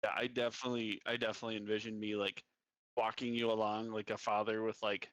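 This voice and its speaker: A man chats casually during a tabletop game, full of filler words. His voice is low and sounds dry and close. There is no echo around him. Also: level tone, fast talker, a bit bright. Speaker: player. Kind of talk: casual chat.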